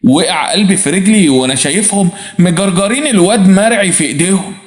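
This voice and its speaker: A man with an Egyptian accent narrating a dramatic story in the first person, in an expressive, vivid colloquial way. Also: sits high, fast. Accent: Egyptian Arabic. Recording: roomy echo.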